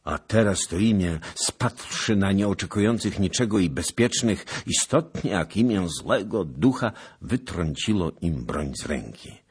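Deep, husky male audiobook narrator. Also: a little slow. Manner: dramatic, expressive reading. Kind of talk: audiobook narration of a historical novel.

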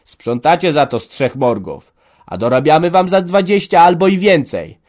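A man voicing a domineering old peasant farmer who shouts scornful threats at his family. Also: mid-range voice, big pitch swings, unhurried, pitched above the performer's own voice. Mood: angry shouting.

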